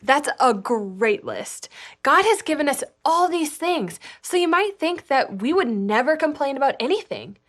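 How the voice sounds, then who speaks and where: High-voiced woman presenting a kids' lesson. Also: sing-song, measured pace, fairly bright tone. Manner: upbeat and encouraging, addressing kids directly. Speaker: children's church presenter.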